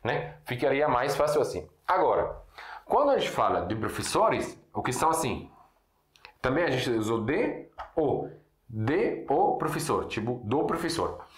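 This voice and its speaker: A man from Syria, a native Arabic speaker, giving a casual video lesson at a board, explaining slowly with repeated examples and frequent check-ins. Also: mid-range voice, sing-song. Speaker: Arabic teacher. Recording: echoey room.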